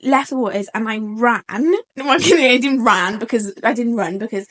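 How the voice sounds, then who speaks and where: An eighteen-year-old woman, telling a story on a podcast in an animated way, laughing often and acting out what people said. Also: on the high side, moderate pace. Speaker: podcast co-host. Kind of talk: casual storytelling chat.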